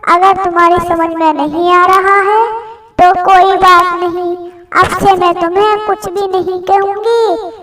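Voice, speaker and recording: Grumbling, scolding mother-in-law, played by a woman in a home comedy skit, high voice in a roomy space. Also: level tone, unhurried, background noise. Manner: scolding and whiny. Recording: roomy, distant mic.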